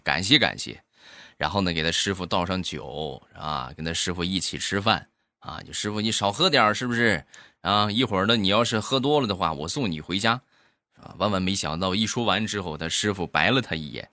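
Man, comic joke monologue, low bright voice, dry close sound. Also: dry recording. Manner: lively, punchline delivery, frequent drawn-out particles. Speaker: comic storyteller.

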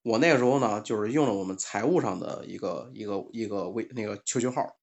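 A man's voice: fairly low pitch, quick pace, gravelly, dull audio. A man in a casual panel chat, telling a personal story and acting out the dialogue, with plenty of fillers and restarts.

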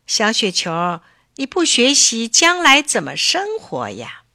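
一位女士在故事朗读中扮演一位慈爱耐心的猫妈妈，语气轻柔、循循善诱。. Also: female voice, a little high, wildly swooping pitch, takes it slowly, dry recording, clean studio sound, exaggerated voice. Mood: coaxing. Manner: gentle, coaxing. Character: patient loving mother cat. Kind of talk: storybook reading.

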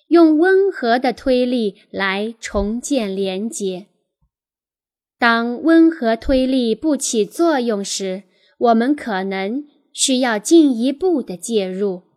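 A woman reads a parenting book aloud in a calm, measured audiobook style. Her voice sits a little high, and she takes her time, moving at a slow, even pace through each sentence.

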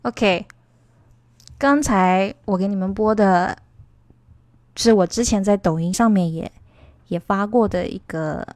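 A woman's voice: mid-range voice, unhurried, pauses often, a little mellow, no echo. Rambling woman teaching English. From China. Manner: rambling, explanatory. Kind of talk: casual online lesson.

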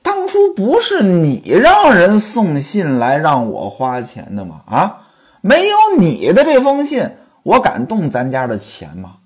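Storyteller playing a scolding wife: indignant and shrill, with a lively, husky delivery. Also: measured pace, exaggerated voice. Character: scolding sharp-tongued young wife. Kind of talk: traditional storytelling voice.

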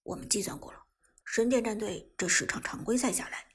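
A woman voicing a calm, composed young man who speaks softly and in a measured way. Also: slightly rough. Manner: soft, measured, low.

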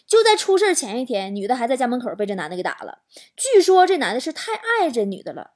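A woman talk show host, telling stories in an animated, exaggerated comic monologue. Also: fairly high pitch, fast talker. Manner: animated, exaggerated storytelling with swearing and laughter. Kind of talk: comedic monologue.

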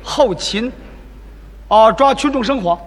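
A man's voice: very high-pitched, expressive, slow pace. A man as the straight man in live crosstalk comedy, firing back incredulous questions and short retorts. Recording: live stage recording in a hall, noisy.

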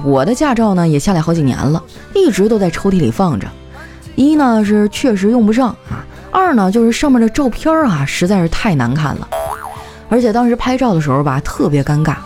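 A woman's voice: mid-range voice, very animated, brisk, darkish tone, faint music behind. A young woman hosting a comedy show, telling funny stories in a chatty way and laughing as she talks. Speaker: comedy podcast host. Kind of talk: comic storytelling monologue.

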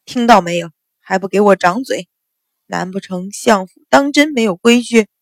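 A woman's voice: mid-range voice, moderate pace, a little mellow, dry recording, clean studio sound, voice pushed down, close to an everyday voice. A woman voicing a stern middle-aged father, an official, speaking coldly and scolding.

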